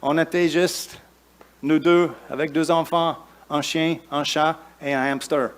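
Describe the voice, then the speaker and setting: Pastor preaching in halting French. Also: male voice, fairly high pitch, fairly even intonation, slight background noise. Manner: preaches with halting restarts, rising emphatic lists and quieter asides. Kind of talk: sermon.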